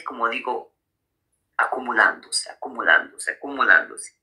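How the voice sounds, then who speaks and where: Bright-voiced man preaching a sermon. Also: medium pitch, low-quality recording. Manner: frequent tag questions to listeners; addresses listeners as brothers. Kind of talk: sermon on marriage.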